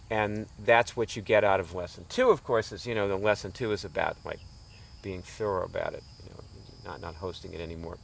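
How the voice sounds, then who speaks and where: A fairly low male voice with vocal fry and a fairly bright tone belongs to a middle-aged nonprofit founder who teaches alternative healing. In a casual lecture he tells a rambling story, chuckling often amid fillers and restarts.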